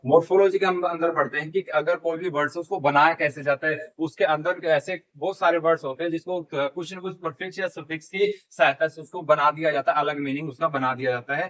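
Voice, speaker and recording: A man teaching a grammar lesson, explaining in Hindi mixed with terms and speaking. He asks and answers his own questions and slowly dictates key phrases word by word. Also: fairly high pitch, a bit bright, poor audio.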